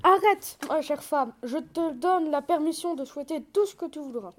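Lady reading as a poor husband, sensible but hot-headed, high soft voice, storybook. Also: normal speed, lightly acted. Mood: pleading. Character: poor cautious husband, sensible yet quick-tempered.

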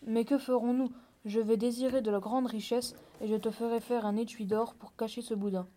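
A quick-tempered peasant husband from an old fairy tale, read aloud by a woman. The voice sits fairly high but stays flat and even, with a soft, dark tone. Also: natural voice. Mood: pleading. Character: hot-tempered peasant husband, middle-aged man.

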